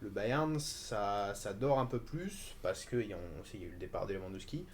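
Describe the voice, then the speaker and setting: A man's voice: lowish voice, expressive, moderate pace, a little hiss or hum. A man answering as a football pundit on a live stream, hesitant with frequent fillers. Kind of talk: casual live-stream discussion.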